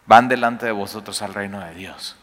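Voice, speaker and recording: A man, preaching a sermon in a conversational, animated way with rhetorical questions. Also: on the low side, moderate pace. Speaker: pastor. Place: church hall. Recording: echoey hall.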